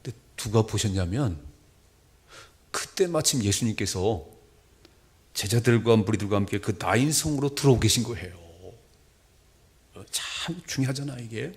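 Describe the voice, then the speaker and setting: A middle-aged male pastor preaching a sermon, moving between soft murmurs and loud emphatic lines. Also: on the low side, expressive, moderate pace, pauses often, slightly rough.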